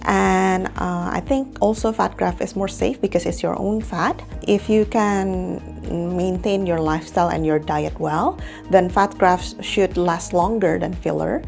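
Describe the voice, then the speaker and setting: A young woman from Indonesia talks through her recovery in a relaxed vlog. Her voice sits fairly low with a gravelly fry, and she fills her sentences with small laughs and hesitations. Soft music plays faintly underneath. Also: a little slow. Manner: chatty, laughs often, many fillers. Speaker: clinic employee and patient. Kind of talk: casual vlog testimonial.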